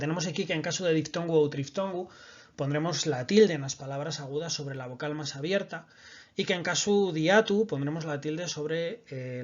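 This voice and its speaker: A man teaches a recorded online language class, patient and methodical. His voice sits slightly high. The recording is dull and lo-fi. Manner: patient explaining, frequent checks with "de acuerdo".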